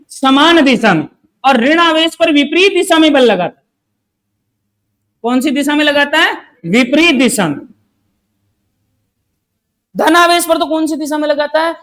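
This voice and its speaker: Guy teaching a class, high voice, keeps asking then answering his own questions, jokey. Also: fairly bright tone, poor audio. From Rajasthan, India. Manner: drilling, repeats each question and answers it himself; playful, uses joking everyday analogies. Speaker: physics coaching teacher. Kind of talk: classroom lecture with call-and-response questions.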